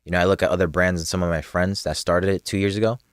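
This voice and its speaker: A man's voice: sits low, fairly even intonation, fast, clear, resonant tone, no echo, clean studio sound. A young man from New chatting casually as a podcast guest, laid-back, laughing often and using street slang. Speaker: podcast guest, clothing brand co-owner.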